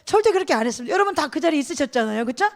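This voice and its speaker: A middle-aged woman pastor preaching a sermon in a lively, conversational way, asking the congregation questions and laughing often. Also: sits high, rapid-fire.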